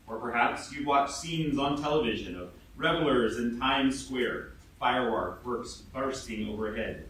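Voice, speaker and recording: A man's voice: medium pitch, a little hiss or hum. A man giving a sermon, telling a reflective story with light self-deprecating humor. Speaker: lay speaker. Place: worship hall. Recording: echoey hall, far mic.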